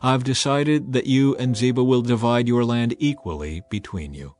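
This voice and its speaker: A man's voice: medium pitch, moderate pace, darkish tone, lightly acted. Man acting King David, commanding biblical monarch. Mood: decisive.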